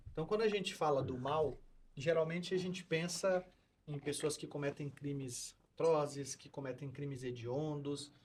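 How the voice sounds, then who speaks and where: A man's voice: fairly high pitch, unhurried, darkish tone, a little hiss or hum. A man co-hosting a podcast discussion, explaining political philosophy in a lecturing tone as a teacher. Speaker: co-host, law and philosophy teacher.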